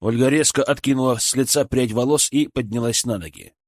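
A man narrating an audiobook calmly and evenly. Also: mid-range voice, brisk, no echo, studio quality. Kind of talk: scripted narration.

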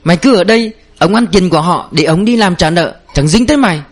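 A man's voice: lively intonation, fast talker, faint music behind. A man voicing a distraught, defiant peasant mother who wails and pleads in a raised voice. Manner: wailing, high-pitched pleading.

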